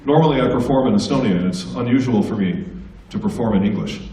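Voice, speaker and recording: Speaking fast in a warm, mid-range voice, a middle-aged American guest comedian entertains a school assembly with comic stories, teasing the students as he goes. The sound comes from far off in an echoey hall.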